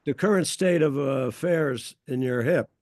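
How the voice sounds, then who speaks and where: A man's voice: medium pitch, moderate pace, darkish tone, dry recording, studio quality. A man in his seventies in casual group chat, politely offering tips in formal phrasing. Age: 70s. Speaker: meeting participant.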